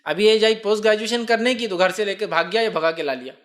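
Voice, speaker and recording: A man's voice: high-pitched, fast, fairly bright tone. A man answering a religious question, explaining patiently and asking and answering his own rhetorical questions. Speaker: Islamic speaker. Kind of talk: religious Q&A talk.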